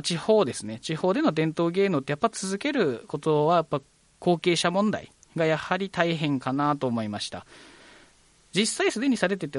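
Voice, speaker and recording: A man's voice: a little high, no room sound. A man hosting a live local radio talk show, polite and chatty with frequent fillers. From Kagoshima, Japan.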